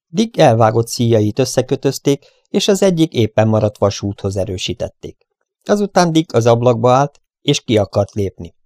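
A man reading an adventure story aloud in a steady storytelling manner. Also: mid-range voice, vocal fry, no room sound, clean studio sound. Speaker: audiobook narrator. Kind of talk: scripted adventure narration.

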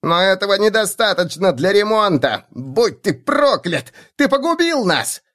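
A man voicing a frantic male halfling thief boss, squealing and whining in a high voice. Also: very animated, unhurried, fairly bright tone, exaggerated voice. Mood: shrill.

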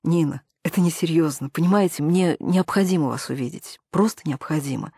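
A woman's voice: fairly low pitch, brisk, mellow, slightly rough, no room sound, studio quality. A woman voicing a polite, hesitant young man courting a girl by phone in an audiobook reading. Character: charming young man with a low voice.

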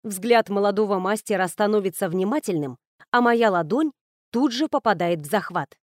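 A woman reading a first-person novel aloud as an audiobook, in a measured, even manner. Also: mid-range voice, no room sound, studio quality. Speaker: audiobook narrator.

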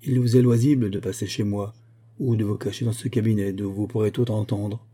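A man voicing a stern, commanding older husband in an audiobook reading, measured and cold. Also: lowish voice, steady tone, dark tone, breathy edge. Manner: impérieux, measured.

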